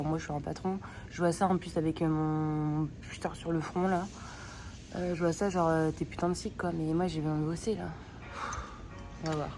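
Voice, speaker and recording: A young woman vlogs casually with her phone at arm's length while sick, her nose blocked and throat sore, meandering through slangy talk packed with fillers. Her low-pitched voice is a little mellow, with slight background noise.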